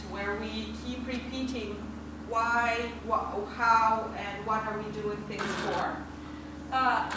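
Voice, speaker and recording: Brisk woman presenting in an echoey room. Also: on the high side. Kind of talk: group presentation. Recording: echoey room from far off with noise.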